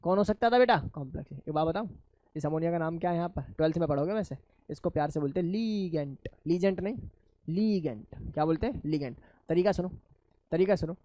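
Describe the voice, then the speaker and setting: A man teaching a chemistry lesson, asking his students questions and answering them himself in a lower voice, calling them children. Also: quick pace, mellow. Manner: addresses students affectionately as children. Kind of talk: classroom lecture.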